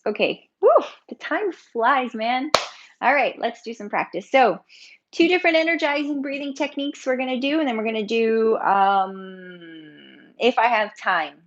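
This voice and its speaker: Chatty woman yoga teacher, lo-fi sound. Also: medium pitch. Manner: chatty, informal, laughs often. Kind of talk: live online breathing workshop.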